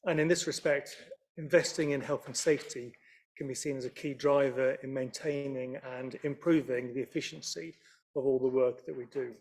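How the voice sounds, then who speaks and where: Councillor guy reading out his report, steady, normal mid voice. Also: mid-range voice, normal speed. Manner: steady, prepared delivery.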